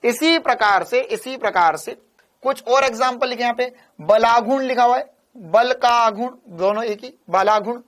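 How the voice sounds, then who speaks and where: A man's voice: very high-pitched, normal speed, fairly bright tone. A man from India teaching physics in a lecture style. He is playful and repeats phrases in a rhythmic way.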